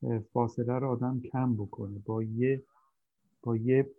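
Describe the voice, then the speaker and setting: A male host leads a conversational discussion in a mid-range, steady voice, speaking hesitantly as he searches for words. The sound is dry, with no room ambience, like a tinny phone line.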